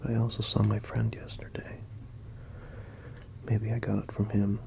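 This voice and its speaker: A man playing a sick, worn-out boyfriend in a whispered role-play, mumbling and halting as he fakes being sick. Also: lowish voice, monotone, gravelly, mellow, slightly rough, exaggerated voice. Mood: weary, mumbling. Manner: mumbling, halting, weary sick act with coughs. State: acted weak and sickly. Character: sick, tired, shivering boyfriend, faking being sick.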